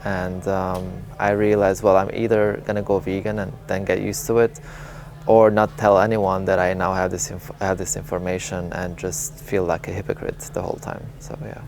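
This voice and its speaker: A man in his thirties from Lebanon, telling his story candidly and reflectively in a relaxed interview. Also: low voice, normal speed, slight background noise. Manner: candid, reflective, with small laughs and fillers. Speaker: interviewee, vegan advocate.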